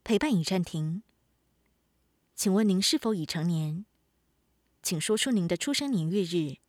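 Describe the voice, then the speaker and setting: A woman's voice: fairly low pitch, animated, moderate pace, no echo, natural voice. Woman acting as a polite smart-speaker assistant, close and dry. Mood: polite, neutral. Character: polite smart-speaker voice companion system, female. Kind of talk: scripted system prompts.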